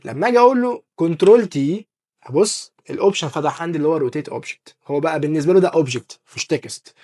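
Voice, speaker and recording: A man with an Egyptian Arabic accent hosting a casual, joking software tutorial and talking straight to the viewer. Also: on the high side, very fast. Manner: chatty, joking, addresses viewer as dear artist. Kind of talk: casual screen-recorded tutorial.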